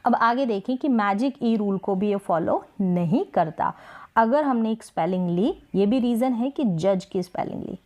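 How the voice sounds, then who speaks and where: A woman teaching English spelling rules, patiently repeating example words slowly for practice. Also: mid-range voice, animated, darkish tone. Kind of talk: Hindi-language spelling lesson.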